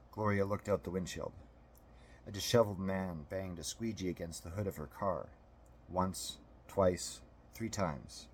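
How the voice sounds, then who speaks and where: A man narrating an audiobook in a steady, measured storytelling manner. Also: low voice, slight background noise.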